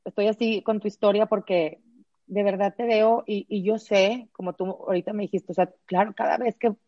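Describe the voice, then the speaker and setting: A woman hosts the interview and answers her guest with short, sympathetic affirmations. Her voice has a medium pitch, and it sounds dry and a little dull, with no room echo. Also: fairly even intonation, moderate pace, dark tone. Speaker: podcast host.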